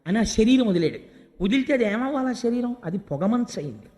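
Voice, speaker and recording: Brief: high-pitched male preacher, lively storytelling discourse, long hall reverb. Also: brisk. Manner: animated storyteller, voicing characters' lines. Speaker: religious discourse speaker. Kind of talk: Telugu religious discourse, storytelling.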